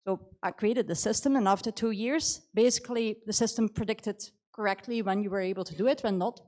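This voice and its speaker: A middle-aged woman at a conference speaks a little fast in a medium-pitched, darkish voice. Her motivational career talk is conversational and full of "you know", delivered in English with a Belgian accent and a slight New Zealand edge.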